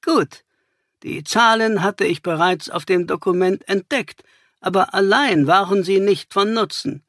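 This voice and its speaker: A man's voice: high voice, a little slow, a bit bright, no echo, clean studio sound, voice pushed up. A male narrator voicing a cold, cynical woman criminal and scientist in an audiobook, with a raised voice. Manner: hard, cynical.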